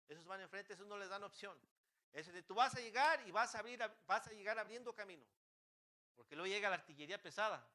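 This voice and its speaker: Man, pastor, fervent sermon, high voice, rhetorical questions. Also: pushed and bright. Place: church.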